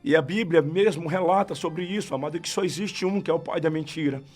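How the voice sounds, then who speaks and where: Fervent high-voiced Brazilian evangelist. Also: male voice, brisk, darkish tone, soft background music. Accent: Brazilian Portuguese. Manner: fervent storytelling, often calling out to God. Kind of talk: testimony in a radio interview. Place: radio studio.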